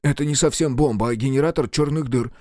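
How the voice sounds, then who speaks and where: A man voicing an excitable male ship engineer who yells orders under pressure. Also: medium pitch, fast, no room sound, studio quality, close to an everyday voice. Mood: explaining. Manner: yelling orders.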